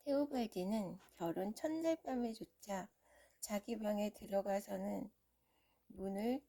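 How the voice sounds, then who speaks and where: A woman reads a children's storybook aloud, as if to a young child. Her voice is soft-edged and mellow, at a medium pitch, with noticeable creak. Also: measured pace. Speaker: storybook reader.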